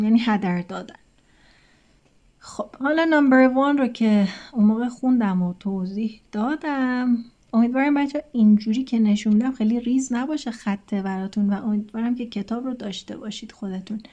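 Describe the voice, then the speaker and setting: A woman with a Persian accent, teaching English vocabulary in a casual lesson. She goes slowly and carefully and reads the English examples word by word. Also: on the high side, dark tone. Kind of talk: casual lesson talk, translating words one by one.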